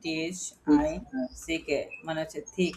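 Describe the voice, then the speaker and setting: A man's voice: on the high side, flat delivery, normal speed, slight background noise. A man with a Bangladeshi accent teaching a phonics lesson to a class, spelling words letter by letter and asking his students questions. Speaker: English teacher.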